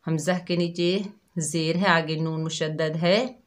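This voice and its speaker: A woman's voice: deep voice, steady tone, a little slow. A woman teaching Quran recitation, patiently spelling out each syllable and repeating it. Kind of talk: slow step-by-step recitation lesson.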